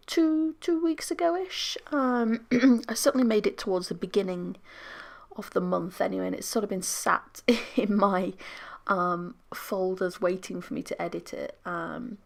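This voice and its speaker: A British woman, unwell and losing her voice, narrating a crafting video voiceover very close to the microphone in a soft, half-whispered, apologetic ramble. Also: mid-range voice, creaky. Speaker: scrapbooking channel host.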